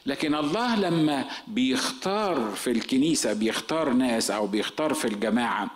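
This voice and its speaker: A man's voice: medium pitch, animated, brisk. A man in his fifties with an Egyptian accent, a pastor giving a sermon as humorous, self-mocking storytelling. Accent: Egyptian Arabic.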